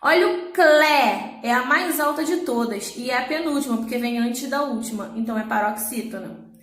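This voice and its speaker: A woman's voice: on the high side, a little fast, reverberant. A woman teaching a Portuguese lesson, explaining patiently and checking in with her students. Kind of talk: recorded online class.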